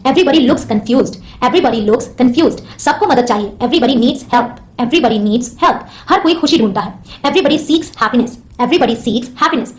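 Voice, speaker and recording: A woman teaching phrases, saying each one slowly twice and explaining quickly in Hindi. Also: high-pitched. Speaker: English teacher. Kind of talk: bilingual language lesson.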